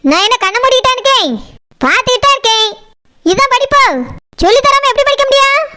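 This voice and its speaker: Brief: very high-pitched, mocking, stubborn cartoon owner, Kanyakumari Tamil. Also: female voice, lively intonation, a little fast, full character voice. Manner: grumbling, argumentative, mocking. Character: stubborn, quarrelsome shop owner woman learning English. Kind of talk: cartoon voice acting. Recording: loud background noise.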